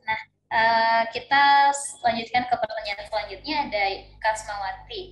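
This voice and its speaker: Higher-voiced woman moderator, echoey room. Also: normal speed, a bit bright, slight background noise. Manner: reads questions, polite. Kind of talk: moderating a discussion. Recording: echoey room with faint music.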